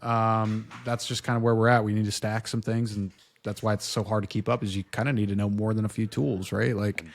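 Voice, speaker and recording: A man co-hosting a podcast in easygoing talk, often checking in with "right?" and pausing on "uh". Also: on the low side, little pitch movement, vocal fry, a little hiss or hum. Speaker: podcast co-host. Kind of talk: casual tech chat.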